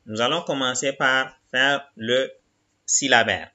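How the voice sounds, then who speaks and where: A man's voice: takes it slowly, dull audio. A man teaching a reading lesson, patiently sounding out syllables one by one and explaining each rule step by step. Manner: calls out syllables louder and higher than his explanations.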